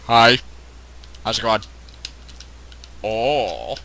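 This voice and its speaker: A man's voice: on the low side, lively intonation, drawn-out words, sharp tone. A man giving casual, joking commentary while playing a video game, swearing and laughing at what happens on screen. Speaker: let's play gamer.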